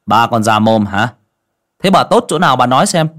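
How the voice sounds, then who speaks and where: A stern exorcist master, as a male narrator plays him, low and mocking, barking orders and scolding. His voice swings from gruff mutters to sharp rebukes. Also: big pitch swings, normal speed.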